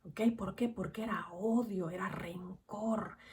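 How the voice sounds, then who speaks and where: A woman preaching a sermon and reading from the Bible, emphatic, repeating phrases and swinging between loud and hushed. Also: mid-range voice, expressive, moderate pace.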